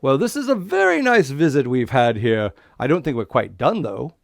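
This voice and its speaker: A man playing a friendly Santa Claus, talking to children like a party magician with showy patter and a gravelly voice. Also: medium pitch, big pitch swings, no room sound, clean studio sound. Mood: genial, chatty. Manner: kids' party magician patter, drawn-out showy counting and reveals. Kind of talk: interactive children's visit over the internet.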